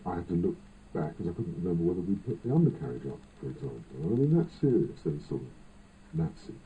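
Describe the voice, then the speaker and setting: A man speaking as an airline pilot, his voice electronically disguised to sound deep, talking in a hesitant, halting way. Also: sing-song, warm tone. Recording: tinny phone-like band, faint noise.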